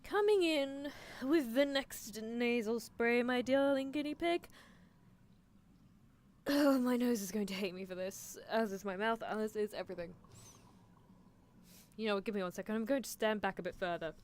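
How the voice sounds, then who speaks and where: A woman streams an improvised ASMR roleplay as a scheming, possessive anime mad scientist, muttering in theatrical exasperation. Her voice is a little high, at a moderate pace, and she pauses often.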